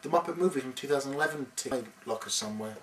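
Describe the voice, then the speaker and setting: A man's voice: mid-range voice, very fast, crowd noise. A young Scottish man chatting about a film with a friend at home, cutting in with dry jokes. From Scotland. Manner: dry, joking interjections. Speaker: co-host. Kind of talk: casual film review chat. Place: own flat, indoors. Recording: roomy, mic at a distance.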